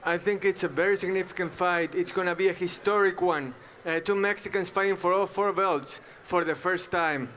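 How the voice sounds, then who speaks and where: A man works as a live interpreter at a sports event, relaying answers in the first person. His voice sits high, and light ambience surrounds it. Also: steady tone, normal speed, few pauses, a bit bright, a little hiss or hum. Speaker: interpreter speaking for an athlete.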